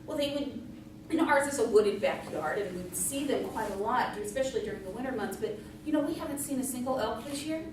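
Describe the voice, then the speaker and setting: Middle-aged female storyteller, higher-pitched, folksy tall-tale delivery with tongue in cheek, captured in a very echoey room. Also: expressive, a little fast. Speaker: storyteller in a tall tales contest. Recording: echoey room from far off, noisy.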